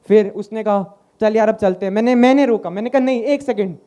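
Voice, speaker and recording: Young man doing stand-up, mellow tone. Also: high voice, brisk. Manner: storytelling, acting out dialogue. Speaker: stand-up comedian. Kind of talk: stand-up comedy set.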